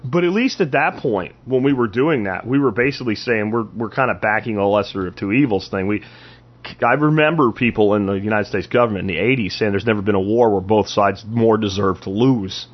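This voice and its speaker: With a fairly low, animated voice at a slightly fast pace, this man hosts a podcast and pushes an opinionated political monologue. He leans on rhetorical questions and repetition for emphasis, and the sound is lo-fi.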